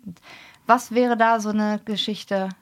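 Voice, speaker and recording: A woman's voice: mid-range voice, fairly even intonation, a little slow. Chatty woman hosting an interview. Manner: chatty, frequent "ne?" tags. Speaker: podcast host. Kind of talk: casual conversational interview.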